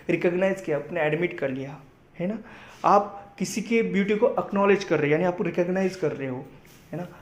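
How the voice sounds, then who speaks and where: Higher-voiced man teaching vocabulary. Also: a little mellow. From India. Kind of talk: exam-prep vocabulary lesson.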